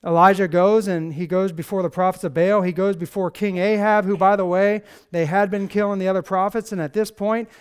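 Man, pastor, casual sermon, conversational, sarcastic, high-pitched, smooth resonant voice. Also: fairly quick, few pauses. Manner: conversational, sarcastic, animated storytelling with acted quotes.

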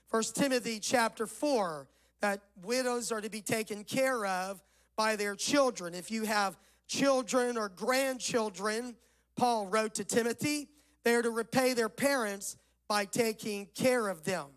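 A man delivers a sermon from the pulpit, his voice rough and hollow-sounding, as though he were speaking from inside a barrel. He preaches in a measured way and slows down when he reads scripture aloud. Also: very high voice, fairly bright tone, low-quality recording. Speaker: pastor. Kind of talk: Mother's Day sermon.

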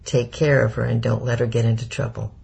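A man reading the lines of a gentle elderly father, who speaks quietly and calmly. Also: mid-range voice, fairly quick, vocal fry, breathy edge, full character voice. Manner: quiet, calm.

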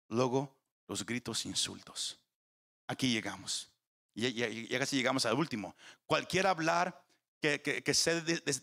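A pastor preaches to his congregation in a pushed, bright, mid-range voice, building steadily in emphasis. He often trips over repeated words and throws questions out to his listeners.

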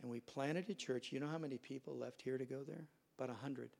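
Gravelly-voiced pastor preaching a sermon. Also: male voice, mid-range voice, fast talker, a little mellow. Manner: storytelling, acts out quoted voices. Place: church sanctuary.

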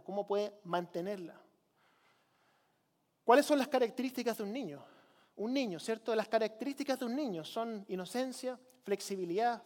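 A man's voice: sits high, a little mellow, big-room sound. A man preaching a sermon as pastor, urging his congregation to repeat lines with him. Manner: preaching with call-and-response to the congregation. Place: church.

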